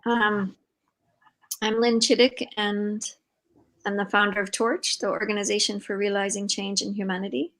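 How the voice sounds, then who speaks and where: A woman's voice: mid-range voice, level tone, normal speed, poor audio. Older woman hosting a chatty live call. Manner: warm, rambling, with many fillers. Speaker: host and founder of an organization. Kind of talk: casual conversational interview.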